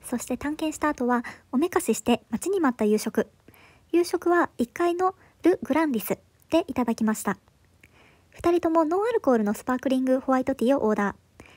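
A woman's voice: sits high, lively intonation, a little fast, darkish tone. A woman in her thirties giving an upbeat, enthusiastic scripted voice-over for a travel vlog, recorded indoors. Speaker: travel vlogger.

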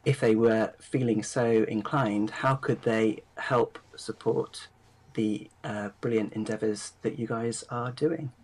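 A man's voice: lowish voice, fairly even intonation, slow pace, a little mellow, rough recording. A man doing an interview, speaking in a rambling way with many fillers and generous thanks. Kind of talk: casual interview.

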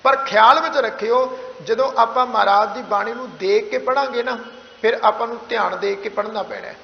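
A man with a Punjabi accent teaching scripture pronunciation, patiently repeating each phrase slowly and often asking whether his listeners understand. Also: very high voice, vocal fry, a little hiss or hum. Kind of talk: recorded pronunciation lesson. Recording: echoey room, dull lo-fi sound.

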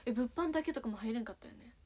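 A young woman with a light Sanuki accent from Kagawa chats on a casual livestream. She answers fan messages playfully and giggles often. Her voice sits a little high. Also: very fast, darkish tone, slightly rough. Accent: Sanuki dialect (Kagawa). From Kagawa, Japan. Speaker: idol streaming and chatting with fans.

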